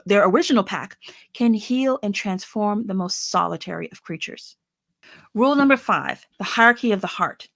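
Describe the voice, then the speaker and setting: A woman's voice: medium pitch, fairly bright tone, no room sound. A woman hosting a podcast, giving earnest advice to fellow writers with light laughing asides. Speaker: podcast host and author. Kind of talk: instructional podcast talk to writers.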